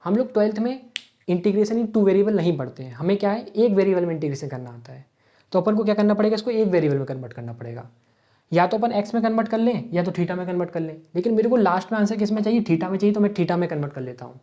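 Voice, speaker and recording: Fast and animated, a man with a high, warm voice teaches an exam-prep physics lesson at a board. He raises rhetorical questions and resolves them step by step, sprinkling in English math terms, over a dull lo-fi recording.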